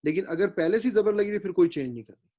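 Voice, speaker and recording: A man teaching a grammar lesson, patient and explanatory, slowly spelling out vowel marks and often checking that his students follow, with English words mixed in. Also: high-pitched, expressive, dark tone. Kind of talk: grammar lecture.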